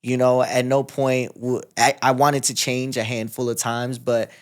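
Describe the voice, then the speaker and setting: A man's voice: mid-range voice, little pitch movement, a little slow, smooth. Man hosting a reflective casual interview. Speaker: podcast host.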